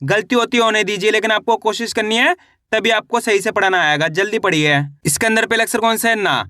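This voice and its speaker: A man's voice: sits high, sharp tone, dry recording, clean studio sound. A man teaching a Hindi reading lesson, sounding out syllables one by one and then saying the whole word, coaxing viewers to try. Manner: spells out syllables slowly, then says each word; addresses viewers as friends, coaxing them to try.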